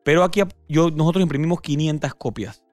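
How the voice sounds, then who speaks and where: A man, a music producer speaking as a guest in a casual interview, often halting and repeating words as he thinks. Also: on the high side, a little mellow, no echo.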